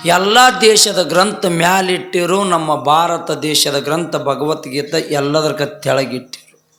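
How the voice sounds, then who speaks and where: A preacher, a man with a somewhat high voice, tells a story as a sermon, voicing each person in it and climbing into loud, emphatic bursts. His voice rings through an echoey hall. Faint music plays underneath. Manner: rises sharply into loud emphatic peaks, acts out dialogue.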